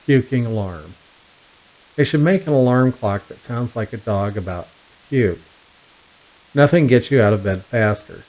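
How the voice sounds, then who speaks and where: A man's voice: mid-range voice, animated, moderate pace. A man reading out puns and telling dad jokes, setting each one up and then giving the punchline. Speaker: host of a joke newsletter read aloud. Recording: dull, lo-fi sound.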